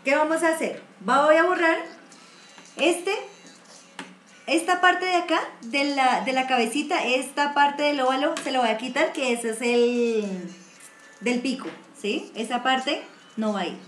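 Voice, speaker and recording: Woman, Colombian accent, painting teacher, high voice, echoey room with faint noise. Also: measured pace, a bit bright. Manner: chatty, encouraging, uses many diminutives. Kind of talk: live online watercolor class. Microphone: computer mic on a video stream.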